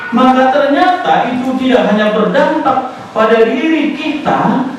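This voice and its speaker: A man preaching a sermon, rising in emphasis and slowing down on key words, sometimes slipping in English phrases. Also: high voice, heavy reverb, recorded from a distance, slight background noise, rough recording. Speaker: pastor. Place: church sanctuary.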